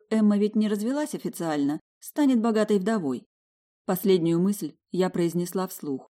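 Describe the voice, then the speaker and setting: A woman giving a lively, expressive first-person audiobook narration. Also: on the low side.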